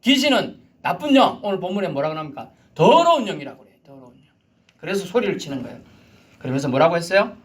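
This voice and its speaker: A man in his forties preaches a Sunday sermon in a bright, fairly high voice that swings widely in pitch. He shouts commands at full force, then falls back to soft, hushed asides. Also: big pitch swings, fast. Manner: dramatic, shouts commands and drops to near-whispers. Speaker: pastor.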